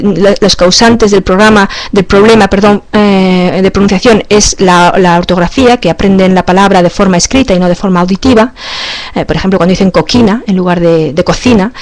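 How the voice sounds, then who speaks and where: Woman teacher from Spain, halting conference presenter, mid pitch. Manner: hesitant, many fillers and restarts. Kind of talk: conference talk.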